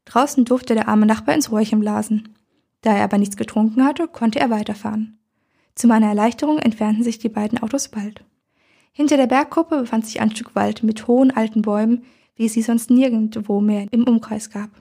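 A woman narrating a first-person story in a calm, even storytelling manner, with a gravelly, husky voice. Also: fairly high pitch, brisk.

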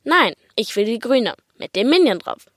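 A woman with an Austrian accent voicing an excitable young boy who shouts and whines about what he wants. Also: on the high side, moderate pace, no room sound, studio quality. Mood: stubborn. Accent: Austrian German. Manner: shouty, insistent, whiny.

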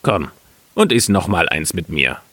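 A man reading a fairy tale aloud, voicing a gruff, gullible miller in a lower, slower voice. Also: sing-song, fairly bright tone, no room sound, heavily acted.

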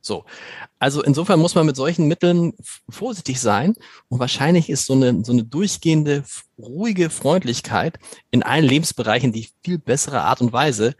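A man's voice: mid-range voice, moderate pace, darkish tone, breathy edge, no room sound, studio quality. A man hosting a podcast, agreeable and anecdotal in casual conversation. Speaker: podcast host.

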